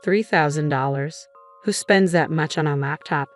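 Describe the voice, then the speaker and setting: Woman voicing a jealous snide sister, low-pitched, cutting remarks in a narrated story. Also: normal speed, faint music behind, close to an everyday voice. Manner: sneering, snide. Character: spiteful jealous adult sister, drunk.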